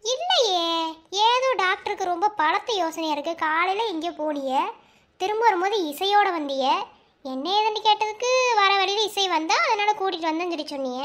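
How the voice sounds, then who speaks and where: A woman's voice: extremely high pitch, animated, brisk, a bit bright. A woman voicing a young village wife in a cartoon, with a Madurai Tamil accent, emotional one moment and teasing the next. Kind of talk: cartoon voice acting.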